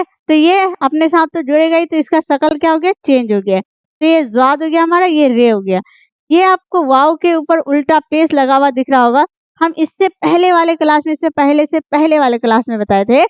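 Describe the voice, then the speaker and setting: A woman's voice: high-pitched, no echo. A woman, teaching an Urdu writing lesson patiently and often checking that her students follow. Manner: patient, repeats checks like "ठीक है?". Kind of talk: explaining script lesson. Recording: dull, dry, lo-fi voice.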